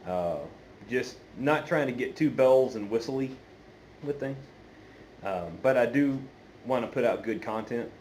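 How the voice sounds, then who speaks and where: A man hosting a pipe-smoking video channel talks casually and without a script to viewers, halting, hesitant and wandering. His mid-range voice is darkish with lively intonation, on an amateur phone recording with a little hiss or hum.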